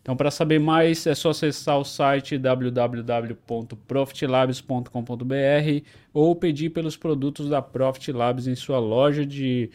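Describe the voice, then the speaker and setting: A man's voice: medium pitch, fairly even intonation, normal speed, hardly any pauses, a little mellow. A man from Brazil reading a sponsor ad on a podcast, putting on a slightly forced, seductive tone. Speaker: producer reading an ad. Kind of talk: read sponsor ad.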